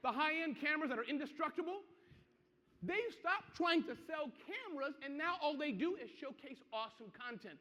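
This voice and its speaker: A man giving an interactive business seminar to a live audience, energetic and constantly checking that people follow him. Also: very high-pitched, normal speed. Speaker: seminar presenter. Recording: muffled, echoey hall.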